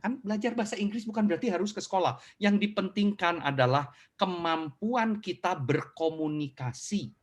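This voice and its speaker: A man's voice: high voice, normal speed. A middle-aged man giving a motivational talk online, answering questions and acting out little scenes for his audience. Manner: animated storyteller who acts out scenes. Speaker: motivational speaker.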